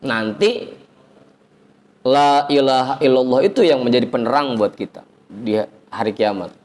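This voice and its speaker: A man teaching an informal religious lesson, chanting Arabic phrases slowly, then explaining in a chatty, teasing way. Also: mid-range voice, expressive, a little mellow. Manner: chatty, teasing the audience, colloquial asides. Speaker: ustadz teaching a religious study circle.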